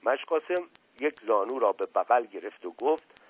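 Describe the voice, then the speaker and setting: A man narrating a novel for radio in a measured storytelling manner. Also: fairly low pitch, animated, slightly rough, no room sound. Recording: tinny lo-fi radio broadcast.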